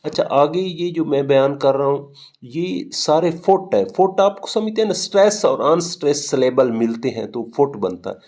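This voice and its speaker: Man, teacher, warm mellow voice, patient explaining, repeats and quizzes. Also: a little high, lively intonation, normal speed. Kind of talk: classroom lecture on poetry.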